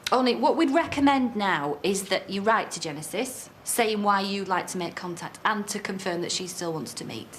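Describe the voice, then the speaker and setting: A woman plays a social worker in a TV drama. She sounds composed and professional, with a mid-range voice. She explains things clearly. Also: mid-range voice, lively intonation, moderate pace, few pauses, a little hiss or hum, natural voice. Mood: informative. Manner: professional, informative. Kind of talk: TV soap drama.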